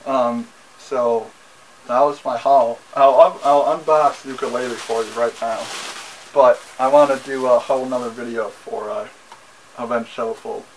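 A man's voice: medium pitch, fairly even intonation, a little slow, a little hiss or hum, rough recording. Young man rambling through a casual haul. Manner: rambling, repeats himself, frequent ums. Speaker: vlogger. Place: small bedroom, indoors. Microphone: camera mic, seated facing camera.

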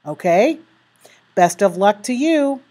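A woman teaching a recorded writing lesson into a computer mic, her voice sitting at an ordinary middle pitch. She has the hiccups and talks students through each step, slowing down to read out sample sentences. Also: animated, mellow.

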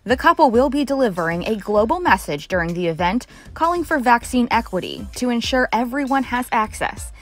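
A woman presenting an entertainment news report as a scripted voice-over with brisk, polished delivery. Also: a little high, very animated. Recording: faint music bed under a studio voice-over.

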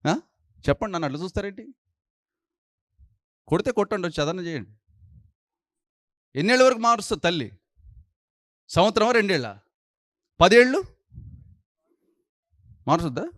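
A man preaching a sermon as pastor, scolding his listeners with rapid-fire rhetorical questions. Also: sits high, very animated, a bit bright, no room sound, studio quality.

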